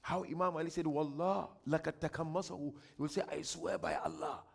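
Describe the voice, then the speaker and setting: A man from Ghana with a Ghanaian accent, giving a religious workshop lecture. He declaims emphatically, reads quotations slowly and grandly, and drops into quiet asides. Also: on the high side, steady tone, creaky, slightly rough. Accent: Ghanaian English.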